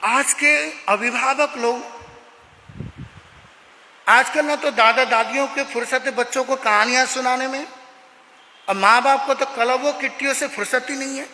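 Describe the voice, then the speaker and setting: A man's voice: extremely high pitch, fairly even intonation, unhurried, pauses often, bright, forceful tone, a little hiss or hum. A male Jain monk giving an emphatic, moralizing sermon in a prayer hall, acting out stories. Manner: emphatic, moralizing, acts out dialogue. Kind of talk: sermon with storytelling. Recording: echoey hall with long reverb.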